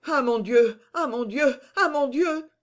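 Reader doing excitable middle-aged grocer, high-pitched, startled exclaiming bursts, storybook. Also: takes it slowly. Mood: overjoyed.

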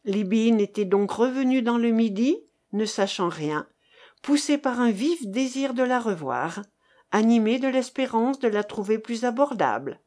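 A woman narrates a novel in a measured, expressive way. Her voice is mellow and fairly high. The reading is slow and unhurried.

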